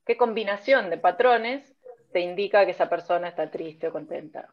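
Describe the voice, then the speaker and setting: A woman's voice: fairly low pitch, normal speed. A woman with a Rioplatense accent, a speech technology researcher, explaining her field step by step in an interview. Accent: Rioplatense Spanish. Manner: patient, explains step by step with examples. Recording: dull lo-fi sound.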